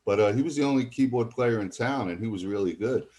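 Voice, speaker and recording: Medium in pitch and warm, this voice moves at a quick pace. It comes from an older man out of College Point, New York, a guest musician in a casual interview who tells meandering stories and mimics what people said.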